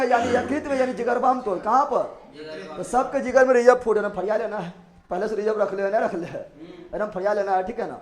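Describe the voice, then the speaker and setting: Teasing his students and rapidly repeating questions, a male teacher leads call-and-response drills in a classroom that's streamed live online. His voice is very high-pitched and the sound is roomy.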